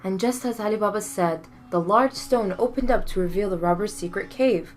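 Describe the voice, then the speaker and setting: A woman reading a folktale aloud in a measured, expressive storytelling manner. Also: medium pitch.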